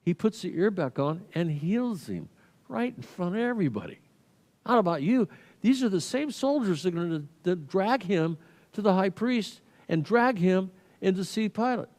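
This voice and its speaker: A man preaching a sermon, retelling a story with animated swings from loud to hushed. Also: high voice, moderate pace. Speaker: pastor. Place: church sanctuary. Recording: long reverb of a hall.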